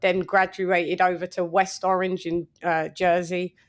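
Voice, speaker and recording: A woman's voice: fairly low pitch, little pitch movement, a little slow. A British woman hosting a casual boxing live stream, playful and rambling, full of fillers and little sing-song asides. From United Kingdom. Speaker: host.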